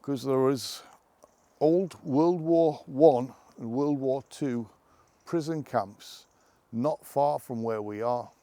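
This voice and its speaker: A man hunting ghosts outdoors in a forest at night. He calls out questions to spirits, then talks quietly to his companion. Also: medium pitch, takes it slowly, no room sound. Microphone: camera held by a companion.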